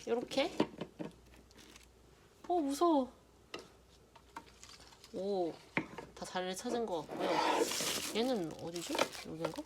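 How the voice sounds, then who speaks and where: A young woman vlogger narrating an unboxing in a chatty, playful way, muttering softly to herself while she handles things. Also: mid-range voice, lively intonation, normal speed. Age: young adult. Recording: loud background noise.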